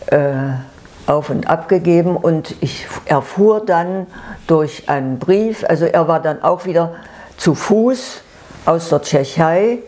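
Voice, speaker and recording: A sweet, gentle woman in her nineties from eastern Germany tells her life story unscripted, haltingly, searching for words and repeating herself. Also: lowish voice. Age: 90s. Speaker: grandmother recounting her life.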